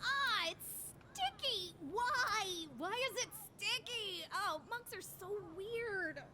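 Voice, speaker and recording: A woman's voice: extremely high pitch, lively intonation, slow pace, heavy background noise, exaggerated voice. An actress playing a brash, tough female treasure hunter who fires off mocking one-liners in a video game. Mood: irritated. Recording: game audio over loud music.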